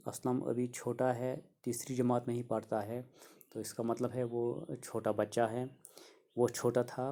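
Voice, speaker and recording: A man's voice: medium pitch, vocal fry, dark tone. A middle-aged male teacher going through a school reader lesson for young children, restating each point simply and repeating himself.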